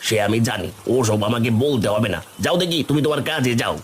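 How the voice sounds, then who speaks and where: A man's voice: medium pitch, animated, fast, a little hiss or hum, lightly acted. A man voicing a stubborn, touchy younger brother in a cartoon, dismissive and defiant. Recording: background music.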